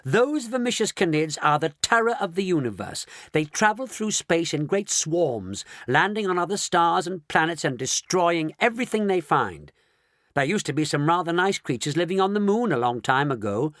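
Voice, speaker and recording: Man doing a lively, eccentric chocolate maker. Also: on the high side, normal speed, no echo, clean studio sound, voice pushed up. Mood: explaining eagerly. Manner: theatrical, exclamatory.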